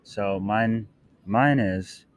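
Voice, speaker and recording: A man's voice: on the low side, very slow, a little hiss or hum. A man co-hosting a casual podcast at an airport gate, laid-back, slangy and profane. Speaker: podcast co-host. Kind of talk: casual chat.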